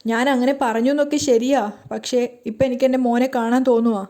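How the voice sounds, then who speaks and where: A woman's voice: on the high side, steady tone, fast talker, warm tone, lightly acted. Stubborn tearful young wife, woman reading her lines. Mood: pleading.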